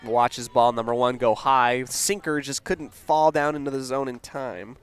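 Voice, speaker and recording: A man doing play-by-play for a local radio softball game, calm and unhurried with casual fillers, lifting his voice on big plays. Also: mid-range voice, smooth. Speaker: play-by-play announcer.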